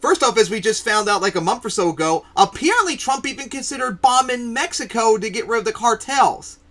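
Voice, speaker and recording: A man's voice: extremely high pitch, expressive, a little fast, a bit bright. A man hosting a casual political chat show, ranting and swearing, with many fillers. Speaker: podcast host.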